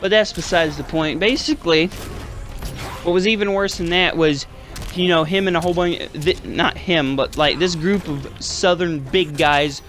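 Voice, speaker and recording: A man's voice: on the high side, normal speed, music in the background. A young man in his twenties hosting a gaming channel, rambling through a casual story with lots of swearing and fillers.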